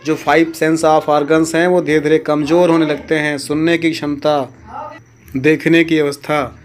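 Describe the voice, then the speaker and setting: Man, teacher narrating a recorded lesson, level monotone, unhurried with pauses. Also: a little high. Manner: slow, even delivery with pauses to read out word meanings. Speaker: English teacher. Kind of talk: recorded lesson explaining a poem.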